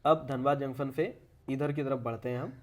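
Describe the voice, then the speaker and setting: A man's voice: mid-range voice, fairly even intonation, moderate pace, a little mellow. Male explainer, casual and chatty, repeats "okay" between points, catches and fixes his own slips, calls the viewer "brother.". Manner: keeps saying "okay" and corrects his own pronunciation. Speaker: educational video creator. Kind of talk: casual walkthrough of a map.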